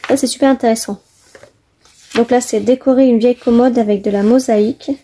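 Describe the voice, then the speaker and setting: Husky woman flipping through a magazine. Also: fairly high pitch, steady tone, a little fast, warm tone. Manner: chatty, enthusiastic, many fillers. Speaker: craft vlogger. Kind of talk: casual magazine flip-through.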